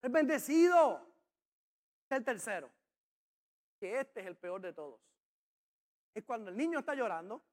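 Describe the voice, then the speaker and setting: Emphatic high-voiced preacher man. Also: very animated, normal speed, pauses often. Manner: emphatic preacher, shouts key phrases, demonstrates with a child on stage. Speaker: pastor. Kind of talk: sermon.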